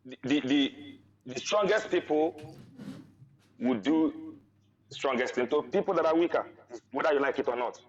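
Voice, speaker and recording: A man argues his point over a muffled, lo-fi internet call, and every phrase comes back as an echo from a second device. He stumbles and repeats words as he presses on. His voice sits a touch higher than most men's. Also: normal speed, pauses often. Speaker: remote panel guest. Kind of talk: heated podcast debate. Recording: dull lo-fi call audio with echo.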